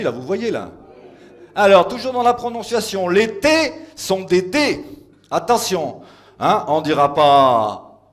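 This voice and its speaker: A man from France of Italian family doing stand-up on stage as a teasing mock teacher, full of playful asides. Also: high-pitched. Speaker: stand-up comedian. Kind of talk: comic mock language lecture on stage. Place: stage before a live audience.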